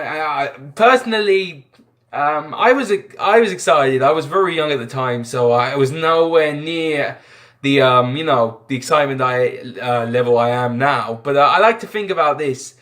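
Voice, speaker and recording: A man's voice: mid-range voice, fairly bright tone. A young man from Ireland talking casually about films on his vlog, chatty and full of fillers and restarts. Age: young adult. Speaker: film vlogger. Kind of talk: casual film retrospective.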